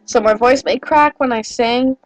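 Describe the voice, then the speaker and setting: A teenage girl vlogger, a little nasal as she gets over a cold, rambles chattily to her webcam in a small wood-paneled bedroom, self-deprecating and full of fillers and apologies. Her voice is a little high at normal speed. The built-in webcam mic gives low-quality, echo-free audio with faint music behind.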